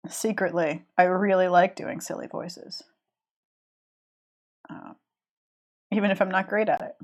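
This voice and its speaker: A woman's voice: on the low side, fairly even intonation, unhurried. Sex: woman. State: has a cold. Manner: rambling. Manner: rambling, chatty, many restarts and fillers. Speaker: live-streaming illustrator. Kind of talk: casual chat while drawing.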